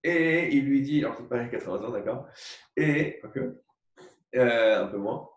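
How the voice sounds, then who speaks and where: A man teaching a religious lesson, explaining slowly with many repetitions and asides and asking for agreement. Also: medium pitch, animated. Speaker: Torah teacher. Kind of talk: religious lecture with a parable. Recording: echoey room recorded from far off.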